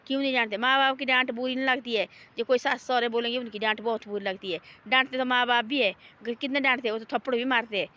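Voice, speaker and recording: A woman talking casually outdoors in a forest, homely and repetitive, gently moralizing. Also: fairly high pitch. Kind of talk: casual rambling talk.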